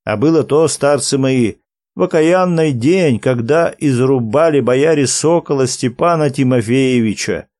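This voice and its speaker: A man voicing an old wandering minstrel who tells his tale in a fond, drawn-out folk manner. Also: medium pitch, darkish tone, no room sound, studio quality, natural voice. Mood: telling. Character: old male wandering minstrel, gentle storyteller.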